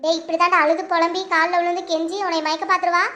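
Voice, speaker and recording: Cartoon mother-in-law, domineering and snide, a woman playing her, very high voice, quick. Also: level tone, pushed and bright. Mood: scolding. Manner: bossy, contemptuous commands. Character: harsh scolding middle-aged mother-in-law.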